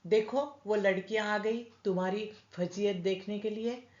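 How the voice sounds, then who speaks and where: A woman voicing an angry village mother scolding her son, with a sharp, scolding manner. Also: mid-range voice, steady tone, a little slow, reverberant, muffled recording, voice pushed up, natural voice.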